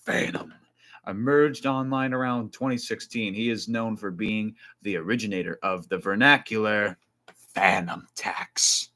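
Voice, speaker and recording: A man's voice: on the low side, normal speed, hardly any pauses, pushed and bright. A man from New Jersey chatting casually on a live stream, rambling with restarts and asides while reading definitions aloud.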